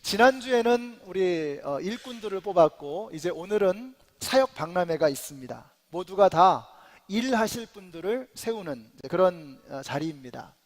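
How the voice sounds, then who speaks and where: Man, 40s, pastor, sermon, high-pitched, conversational with emphatic build-ups, long church-hall reverb. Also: expressive, moderate pace. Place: church sanctuary.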